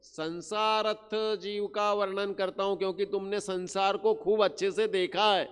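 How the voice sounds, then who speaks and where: Slow, resonant male Jain preacher in hall. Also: high voice, fairly even intonation, clear, resonant tone. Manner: slow, drawn-out chanting of verses, then quick asides to the audience. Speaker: Jain pravachan speaker. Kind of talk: religious discourse. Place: large hall at a Jain pilgrimage site. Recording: long hall reverb.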